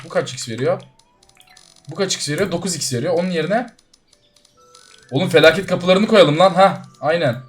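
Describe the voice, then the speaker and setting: Speaking straight to the people watching, a man who runs a gaming YouTube channel offers laid-back, hyped commentary on his game, his voice rising into loud surprise and dropping into quiet muttering.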